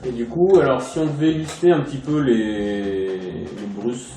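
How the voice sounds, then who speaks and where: A man asking halting questions as an interviewer in a casual chat. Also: mid-range voice, warm tone. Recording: roomy, distant mic, music behind.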